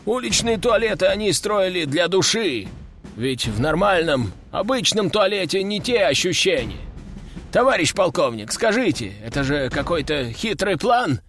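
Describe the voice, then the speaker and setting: A man's voice: high-pitched, sing-song, normal speed, fairly bright tone, pitched above the performer's own voice, exaggerated voice. A man doing a fawning, eager chief scout.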